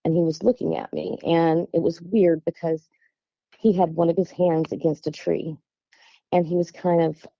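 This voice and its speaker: A woman's voice: lowish voice, fairly even intonation, normal speed, dark tone, no room sound. A middle-aged woman from West Virginia with an Appalachian accent, casually telling a personal story in a plain-spoken, meandering way. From West Virginia, USA. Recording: dull, lo-fi, dry close sound.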